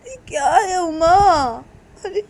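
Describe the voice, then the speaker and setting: A woman voicing a flustered young lover who pleads and exclaims in a very high voice. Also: takes it slowly, darkish tone. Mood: pleading.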